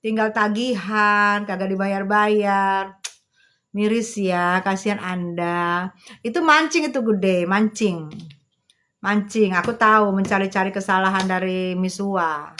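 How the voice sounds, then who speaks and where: A middle-aged woman hosting a livestream on a phone, chatting with viewers in a sassy, teasing, slangy manner and speaking slowly and carefully. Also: mid-range voice, fairly even intonation, fairly bright tone. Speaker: livestream host. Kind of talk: casual livestream chat reading viewer comments.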